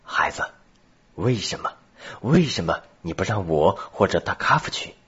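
A man's voice: low-pitched, big pitch swings, normal speed, a bit bright, slightly rough, highs cut off, heavily acted. A man voicing an anxious, fatherly nobleman who speaks with urgency. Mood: tender.

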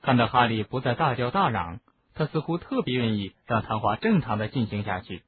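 A man narrating an audiobook in a low, even voice. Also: a little fast, a little hiss or hum. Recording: narrow phone-like lo-fi sound.

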